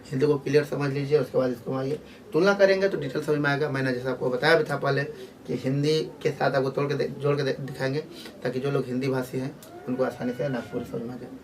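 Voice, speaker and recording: A fast-talking man from Jharkhand teaches grammar casually, repeating points and restarting often amid plenty of fillers. His voice is mid-range with fairly even intonation. He's recorded from a distance, with background noise and faint outdoor sound.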